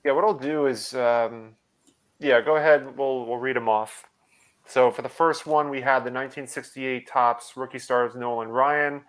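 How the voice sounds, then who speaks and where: Brief: man, trivia host on a video call, smooth clear tone, halting with fillers. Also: medium pitch, steady tone, fairly bright tone. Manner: hesitant, many fillers and restarts. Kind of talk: live online quiz hosting.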